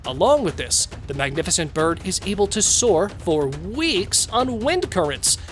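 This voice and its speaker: A man reading scripted nature documentary narration as a presenter, in measured phrases. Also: sits high, big pitch swings. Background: music.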